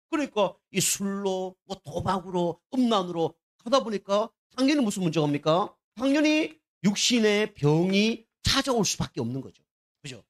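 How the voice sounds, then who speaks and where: A male pastor giving a conversational sermon to his congregation, asking them "right?" again and again and dropping from loud, emphatic bursts to quiet asides. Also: sits high. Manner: conversational preaching, constant "right?" checks with the congregation. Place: church sanctuary.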